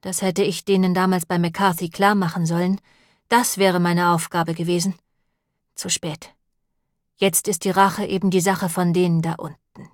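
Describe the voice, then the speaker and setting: A nervous priest whines and frets, his plaintive talk ever close to wheedling, as a woman reader voices him. The voice is on the lower side and recorded dry and close. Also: little pitch movement, moderate pace, dry recording, natural voice. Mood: rueful. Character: nervous, whining long-nosed priest man.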